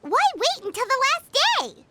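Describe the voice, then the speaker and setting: Paimon, squeaky tiny fairy companion. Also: female voice, sing-song, moderate pace, very noisy. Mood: puzzled. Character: tiny childlike female fairy companion, inquisitive and chatty. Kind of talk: anime video game voice acting. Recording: music playing behind the voice.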